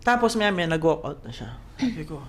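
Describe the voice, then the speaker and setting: A man's voice: fairly high pitch, brisk. A young Filipino man co-hosting a podcast, telling a story in casual chat and acting out quoted lines with laughs. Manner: animated, acts out quoted dialogue with laughs. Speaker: podcast co-host.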